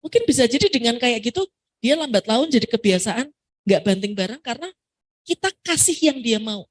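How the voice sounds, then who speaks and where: A woman from Surabaya speaking at a parenting seminar, answering an audience question in a lively way that acts out what parents and children say. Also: on the high side, normal speed. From Surabaya, Indonesia.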